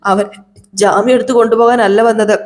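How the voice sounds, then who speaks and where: A woman's voice: a little high, steady tone, brisk, lightly acted. A woman voicing a stubborn older grandmother who defiantly argues with the police in a TV serial retelling. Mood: scolding. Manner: defiant, scolding.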